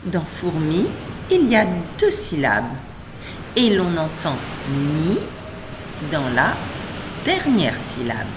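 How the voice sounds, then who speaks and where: Female teacher, children's reading lesson; slow, melodic, syllable-by-syllable delivery with faint background hum. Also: low voice, wildly swooping pitch. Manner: slow, carefully segmented syllables, encouraging.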